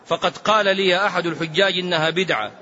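A man preaching a fatwa sermon emphatically, at times mimicking drawn-out chanting, in a large hall. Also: high-pitched, steady tone, pushed and bright, slight background noise. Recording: muffled recording with long hall reverb.

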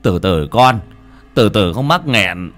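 A man's voice: mid-range voice, sing-song, a little slow, faint music behind. A man voicing an anxious, scolding old peasant father who stammers and repeats himself. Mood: urging. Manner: flustered, stammering repetitions.

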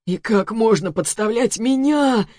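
A woman voicing a poisoned rich man who shouts and curses in a weak, wheezing voice. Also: expressive, unhurried, no room sound, studio quality. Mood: hoarse confession. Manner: shrill shouting, cursing.

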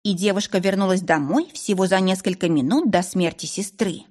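A woman narrating a novel audiobook in an expressive, measured way. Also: lowish voice.

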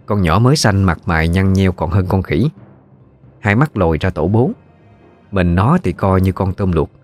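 A man with a Southern Vietnamese accent narrating a ghost story in a steady, folksy way. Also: low-pitched.

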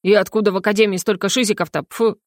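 A grumpy little talking hedgehog with a huffy, snorting, grumbling way of speaking, as a woman reads him out. He comes through an audiobook narration, close and dry with no room sound, at a middling pitch. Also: steady tone, fast, dry recording, lightly acted. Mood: indignant.

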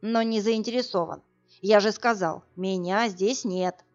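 Woman reading as a gruff old sorcerer, curt, mocking, slightly dull recording. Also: medium pitch, fairly even intonation, measured pace, darkish tone, soft background music, close to an everyday voice. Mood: gruff, sarcastic. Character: stern sarcastic old male sorcerer uncle.

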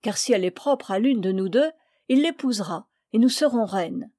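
A woman's voice: a little high, expressive, normal speed, dark tone, dry recording, clean studio sound. A woman voicing two proud young princess sisters in a storybook reading, scornful and mocking. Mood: boastful.

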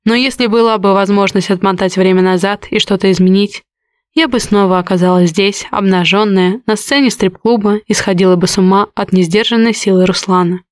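A woman narrating a romance audiobook in the first person, with steady, intimate storytelling. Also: mid-range voice, brisk, dry recording, clean studio sound.

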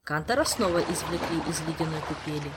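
A man narrating an audiobook with expressive, lively storytelling. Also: fairly high pitch, fairly quick, background noise. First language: Indonesian. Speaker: audiobook reader.

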